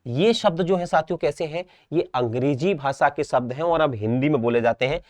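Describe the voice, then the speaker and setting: A man's voice: a little high, brisk, a little mellow, no room sound, studio quality. A young man from India with a Rajasthan Hindi accent, teaching an exam-prep class, repeating words and checking understanding. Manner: repetitive, drills each word, checks understanding.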